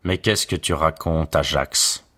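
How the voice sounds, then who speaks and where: Man voicing a proud hero, husky and taunting. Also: a bass voice, takes it slowly, bright, forceful tone, exaggerated voice. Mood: defiant. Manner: taunting, defiant. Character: proud, scornful male Trojan hero.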